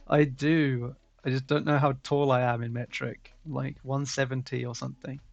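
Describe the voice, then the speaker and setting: Young man, gravelly edge, dry close sound, easygoing host chatter full of "um"s. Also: mid-range voice, no echo, dull audio. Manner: relaxed, rambling with frequent fillers and laughs. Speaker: stream host. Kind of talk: casual chat.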